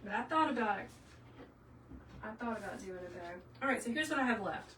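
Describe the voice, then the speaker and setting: A middle-aged woman from South Carolina hosts a live craft tutorial stream, chatting folksily and casually with viewers in a Southern US accent. Her voice is slightly high, animated, fairly quick, and a bit bright. The mic is distant, giving a roomy sound with faint noise.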